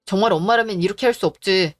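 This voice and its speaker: A woman voicing a gentle, earnest young man in a drama, speaking apologetically to his fiancée. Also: mid-range voice, fast, soft background music, lightly acted. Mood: pleading. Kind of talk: Korean audio drama acting.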